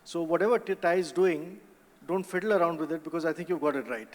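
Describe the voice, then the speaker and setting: A man on a conference panel answering a question in a measured, reflective way, with many fillers. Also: on the high side, background noise. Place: conference hall. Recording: long reverb of a hall.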